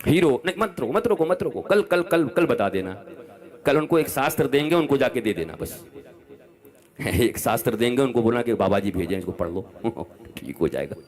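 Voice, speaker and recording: Man in his fifties, spiritual preacher, impassioned sermon, loud outbursts and soft asides, scolding tone. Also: medium pitch, big pitch swings, normal speed, faint music behind. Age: 50s. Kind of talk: Hindi religious discourse.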